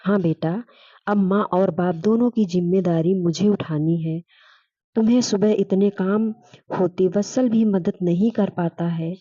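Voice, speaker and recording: A woman's voice: medium pitch, warm tone, no echo, dull audio, lightly acted. A woman voicing a kind, widowed elderly father-in-law who speaks affectionately and reassuringly to his daughter-in-law in a storybook reading.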